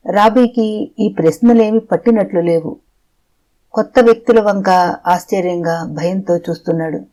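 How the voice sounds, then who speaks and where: Brief: audiobook storyteller, dark mellow tone, steady measured delivery. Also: mid-range voice, poor audio. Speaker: audiobook narrator. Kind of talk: scripted audiobook narration.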